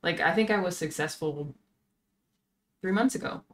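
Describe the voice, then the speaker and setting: Twenties woman with a low voice, hosting a casual home podcast, thinks out loud. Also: moderate pace, slight background noise. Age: 20s. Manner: earnest, thinks aloud. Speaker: podcast host. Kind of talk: casual chat. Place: home streaming room.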